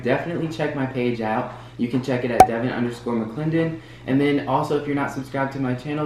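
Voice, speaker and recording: A man's voice: medium pitch, very noisy. A man in his twenties answering viewer questions in a casual, open, chatty vlog. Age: 20s. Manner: chatty and open, loose filler-heavy talk. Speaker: vlogger. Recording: roomy echo from a distance, with music.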